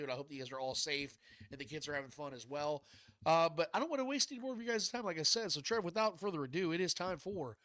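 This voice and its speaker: Congested guy doing sports show, super nasal stuffed nose, quick talker, close dry sound. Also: on the high side, pushed and bright, dry recording. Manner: blunt, mild swearing, chummy slang. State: stuffed up, can't breathe through nose. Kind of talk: casual sports talk.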